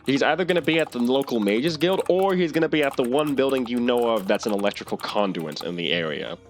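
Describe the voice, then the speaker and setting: A man's voice: mid-range voice, lively intonation, fast talker, soft background music. A man narrating a tabletop game as game master, rambling and searching for words with many restarts.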